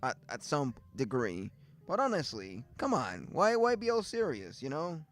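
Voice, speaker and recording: A man's voice: medium pitch, huge pitch swings, moderate pace, fairly bright tone. A man hosting a casual livestream chat, rambling with lots of fillers and restarts, faint music behind him. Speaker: livestream host.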